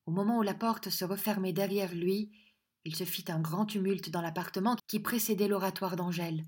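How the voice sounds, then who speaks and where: A woman's voice: mid-range voice, husky. Woman narrating a romantic novel. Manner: measured, expressive reading. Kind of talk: literary audiobook narration.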